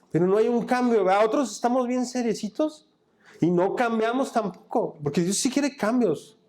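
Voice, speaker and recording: A man's voice: high-pitched, a little mellow. A man preaching in church, reading scripture and asking the congregation to fill in the words. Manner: call-and-response questions to the congregation; reads scripture aloud and comments on it. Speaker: pastor. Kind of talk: sermon.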